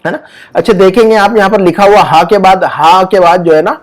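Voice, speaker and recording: A man teaching an Arabic lesson to a student, patiently repeating words, drawing out sounds slowly and checking understanding. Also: sits high, steady tone.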